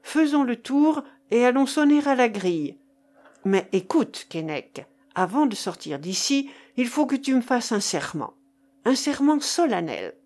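A woman's voice: fairly high pitch, sing-song, a little slow, darkish tone. A woman reading the lines of an impulsive, agitated young man, urgent and exclaiming, in an audiobook. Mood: solemn.

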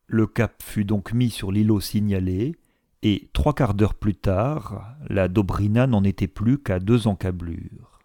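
Gravelly, dark-voiced male narrator. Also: on the low side, dry recording, clean studio sound. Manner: measured, steady storytelling delivery. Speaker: audiobook narrator. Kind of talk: scripted narration of a classic novel.

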